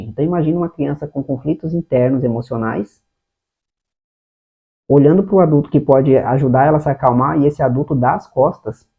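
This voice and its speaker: A man's voice: mid-range voice, breathy edge. A man with a Brazilian Portuguese accent, a therapist giving earnest parenting advice straight to the viewer. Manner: earnest, explanatory, addresses the viewer directly. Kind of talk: self-help talk to camera. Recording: narrow phone-like sound.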